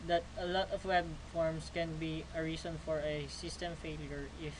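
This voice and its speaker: Presenting a class project, this student from the Philippines, aged twenty-two, speaks at normal speed with a steady tone in a voice on the high side. His reading is stiff with repeated phrases, over noticeable background noise.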